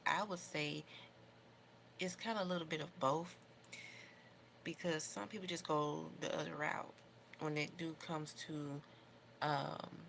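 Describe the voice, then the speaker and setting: An American woman hosts a casual livestream in a fairly low voice with plenty of fry. She talks informally, rambling from thought to thought and giving her opinions freely. There is some noise in the recording behind her. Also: a bit bright. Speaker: livestream host doing her makeup. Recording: noticeable background noise.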